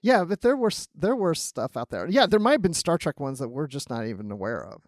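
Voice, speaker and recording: A man co-hosting a casual review podcast, talking in an animated way with plenty of laughter. His voice sits a little high and swings widely in pitch. The sound is dry and close. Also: a little fast, no echo. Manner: animated, laughs often, acts out quotes. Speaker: podcast co-host.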